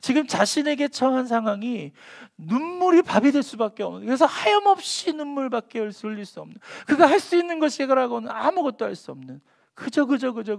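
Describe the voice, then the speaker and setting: A man with a notably high voice preaches a sermon as a pastor. He shifts between soft, near-whispered lines and loud, forceful emphasis. He also voices quoted taunts in a sneering tone. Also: gravelly.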